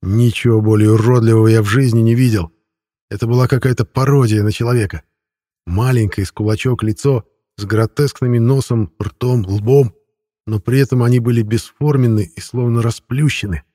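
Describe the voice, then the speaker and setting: A man's voice: medium pitch, steady tone, normal speed, warm tone, no room sound, studio quality. A man narrating a first-person audiobook in a wry, conversational storytelling manner.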